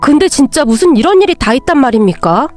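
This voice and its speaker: A woman narrating a first-person story in a steady, plain storytelling manner. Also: sits high, fast talker, faint music behind.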